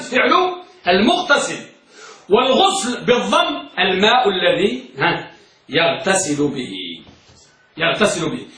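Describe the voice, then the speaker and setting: A man's voice: high voice, bright, forceful tone. A man teaching a class, quizzing students with repeated questions and urging them to speak up. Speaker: teacher of hadith. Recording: echoey room, voice from far off.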